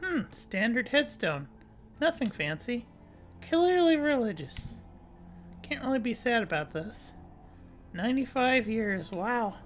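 A woman's voice: fairly high pitch, sing-song, takes it slowly, pauses often, slight background noise. A woman hosting a let's play, chatting casually and reading dialogue aloud with frequent giggles. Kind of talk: casual gameplay commentary.

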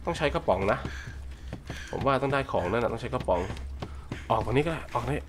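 A man's voice: mid-range voice, lively intonation, fast talker, noisy background. A Thai man talking through a horror game, chatty, repeating words and reading game text aloud. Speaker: game streamer. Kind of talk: let's play commentary. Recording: voice over game music. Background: game music.

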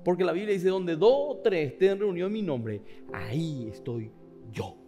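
A man preaching a passionate sermon, shifting between loud cries and hushed asides and acting out the people in his story. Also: fairly high pitch, very animated, moderate pace, soft background music. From Paraguay. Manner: acts out voices of the people in the story. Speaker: pastor.

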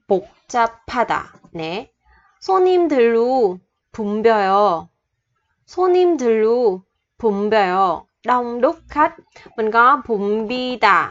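A woman teaching Korean vocabulary, patiently slowing down to spell out the grammar and pronunciation rules. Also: medium pitch, fairly bright tone, dull audio. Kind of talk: explaining vocabulary lesson.

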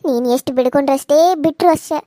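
A woman's voice: sits high, steady tone, rapid-fire, dark tone, no echo, studio quality, lightly acted. A woman voicing a vengeful, menacing village wife in a cartoon serial, taunting. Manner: taunting, threatening.

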